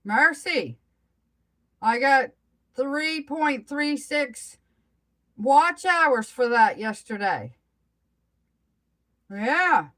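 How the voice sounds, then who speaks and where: A woman's voice: high-pitched, animated, bright, forceful tone. Older-ish lady just chatting on her livestream, takes her time, kinda rambly, loses her train of thought. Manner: rambling and halting, trailing off mid-thought. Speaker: live stream host chatting with viewers. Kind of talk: casual chat on a live stream.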